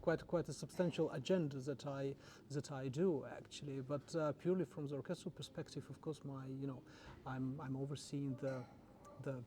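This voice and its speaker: The speaker, a man raised in the Czech Republic and general manager of an orchestra, replies to interview questions with hesitation and lots of repetition. His mid-range voice stays steady and warm, with background noise behind it.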